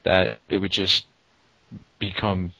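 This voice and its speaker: Male co-host, low bright voice, rambles and loses the thread. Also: little pitch movement, slow, gravelly, dry recording, muffled recording. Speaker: podcast co-host. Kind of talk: casual gaming podcast chat.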